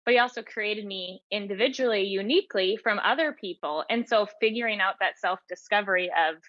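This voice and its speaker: A woman aged 30 or above speaks a little fast in a mid-range, fairly bright voice, the recording muffled and free of room sound. As an author and teacher guesting on a podcast, she reflects earnestly on her experience, explaining as she goes.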